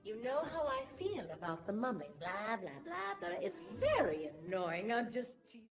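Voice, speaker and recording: A woman's voice: on the high side, big pitch swings, moderate pace, over music. A mocking, theatrical mother. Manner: teasing, sing-song, dismissive. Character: doting but mocking mother, theatrical and controlling. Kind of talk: animated film dialogue, replayed for learners.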